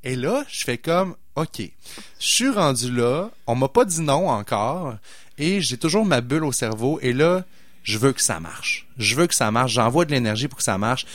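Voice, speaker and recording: Here the same sort of Québécois podcaster, a middle-aged man, talks at a normal speed in a medium-pitched voice with no room sound. He's an animated storyteller who acts out dialogue and leans on lots of fillers in a casual chat.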